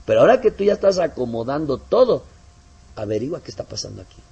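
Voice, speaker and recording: A man preaching a sermon as pastor. He acts out conversations and swings between loud emphasis and soft asides. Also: sing-song, fast talker, vocal fry, slightly rough, dull audio. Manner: preaching with sharp swings in pitch and loudness; acts out both sides of dialogues, softening for asides.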